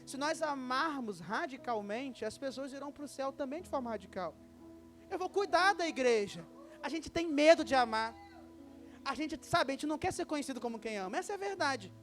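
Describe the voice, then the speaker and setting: High-voiced Brazilian pastor preaching. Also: male voice, brisk, soft background music. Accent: Brazilian Portuguese. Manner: lively preaching, acting out little dialogues in different voices. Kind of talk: sermon. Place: church service.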